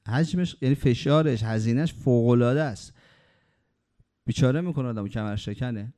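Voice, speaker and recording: A man delivers a sermon in a warm, dark voice at an ordinary pitch. He tells anecdotes and drives home each point with emphatic rhetorical questions. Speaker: preacher.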